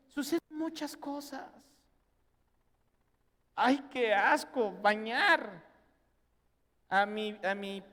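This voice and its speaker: A middle-aged man with a Mexican accent preaching a sermon as pastor, animated and acting out family members in quoted voices. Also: sits high. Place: church hall. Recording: long reverb in a church hall.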